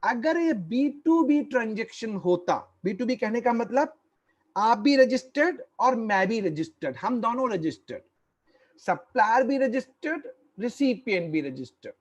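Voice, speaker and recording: A man giving an online tax lecture, slow and deliberate, repeating key points and quizzing his listeners. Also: very high voice, sing-song, highs cut off.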